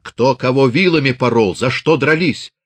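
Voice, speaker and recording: A man voicing a hot-tempered old lame Cossack father who yells, curses and shrieks, in a dry recording. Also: normal speed, husky, no room sound, close to an everyday voice. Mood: furious shouting. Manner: shrill, cursing, yelling.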